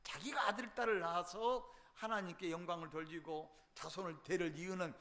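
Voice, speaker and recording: A middle-aged man preaching a revival sermon, telling a Bible story dramatically and swinging between loud outbursts and hushed passages. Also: high-pitched, normal speed. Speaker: pastor.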